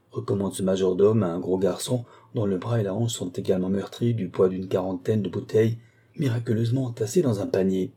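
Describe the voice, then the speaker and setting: Male narrator, husky, measured reading, classic memoir audiobook. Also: fairly low pitch, dark tone.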